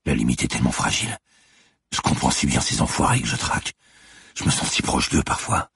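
A man reading aloud plays a predatory police lieutenant, talking in a quiet, taunting, half-whispered menace. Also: a bass voice, big pitch swings, fairly quick, creaky, slightly rough, no echo, full character voice. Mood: menacing.

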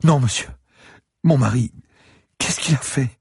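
A man's voice: unhurried, vocal fry, a little mellow, breathy edge, no room sound, studio quality, exaggerated voice. A man putting on a tearful, stammering old woman. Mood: panicked. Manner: stammering, tearful, high and strained. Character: distraught elderly woman, frightened and pleading. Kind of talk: audiobook narration.

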